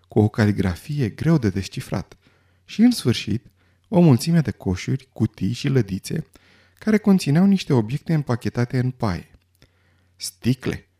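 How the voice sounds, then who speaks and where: A man narrating a story in a scripted audiobook reading, expressive and dramatic. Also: mid-range voice, breathy edge.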